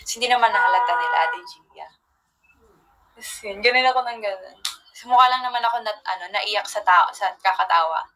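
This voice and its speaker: Bright-voiced young woman chatting on livestream. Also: mid-range voice, fairly quick, low-quality recording. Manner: rambling storytelling with soft trailing asides. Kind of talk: casual livestream chat.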